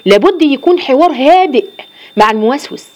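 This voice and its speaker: A woman's voice: high-pitched, expressive, fast talker, darkish tone. A woman with an Egyptian accent giving an earnest religious lesson to women, often asking rhetorical questions. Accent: Egyptian Arabic. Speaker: religious teacher.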